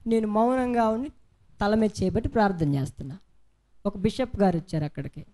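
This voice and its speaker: A man's voice: high-pitched, a little fast, mellow. A man preaching a sermon with fervor, firing rhetorical questions at the congregation and breaking in with repeated hallelujahs.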